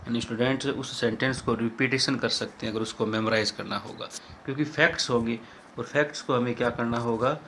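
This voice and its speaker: A male teacher giving a lecture on English teaching methods, explaining in Hindi and reading English example sentences slowly. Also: mid-range voice, steady tone, a bit bright, a little hiss or hum.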